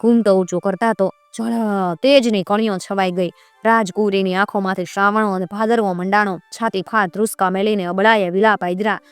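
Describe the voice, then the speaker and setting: A woman's voice: medium pitch, fairly even intonation, a little fast, hardly any pauses, smooth, dry recording, soft background music. A woman telling a folk tale with drama, acting out the characters' cries and lines.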